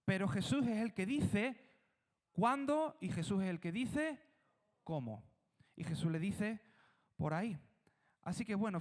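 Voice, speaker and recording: A man with a Spanish accent from Spain preaching a sermon as pastor, telling the story with drama and acting out voices in conversation. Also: high voice. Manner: dramatic storytelling, acts out dialogue with God and disciples.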